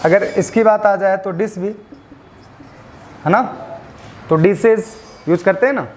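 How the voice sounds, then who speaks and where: Guy teaching english grammar, high voice, spells letters out slow and quizzes the class then answers himself. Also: slight background noise. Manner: asks students questions and answers them himself; spells out letters slowly, stresses pronunciation. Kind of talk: classroom lecture.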